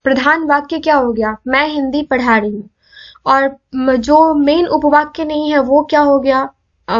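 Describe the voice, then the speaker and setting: A young woman with a high voice teaches a grammar lesson for exam prep. She poses questions to her class and answers them herself, and draws out each letter slowly so viewers can say it along with her. The audio is a little dull and muffled. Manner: sounds out letters slowly for students to repeat.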